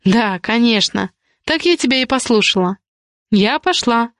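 A woman's voice: a little high, animated, a bit bright, no echo, clean studio sound. Woman voicing a defiant indignant young woman. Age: young adult. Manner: indignant, rapid questioning.

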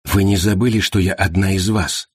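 A man voicing a cornered young woman who speaks quietly and defiantly in an audiobook. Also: steady tone, normal speed, husky, no echo, studio quality. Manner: quiet, low-spoken.

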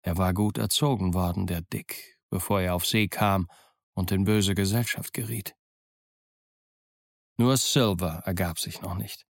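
A man narrating a classic adventure story in the first person, measured and dramatic. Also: low-pitched, steady tone, gravelly, no room sound, studio quality. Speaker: audiobook narrator.

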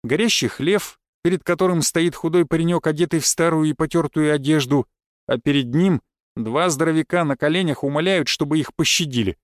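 A man's voice: fairly high pitch, brisk, dry recording, clean studio sound. Man narrating a first-person audiobook. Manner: calm, cold, matter-of-fact.

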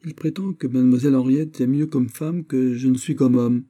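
A male reader voicing a vain, excitable young prince in an audiobook. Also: mid-range voice, fairly quick, voice pushed up, lightly acted. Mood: petulant. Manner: fussy, excitable, self-admiring. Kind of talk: audiobook character reading.

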